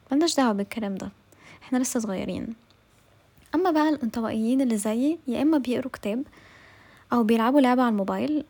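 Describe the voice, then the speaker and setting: A woman's voice: a little high, warm tone. A woman with an Egyptian accent hosting a podcast, telling a comic office diary in a chatty, sarcastic way with asides to her listeners. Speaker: podcast host and narrator. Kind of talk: comic diary-style storytelling.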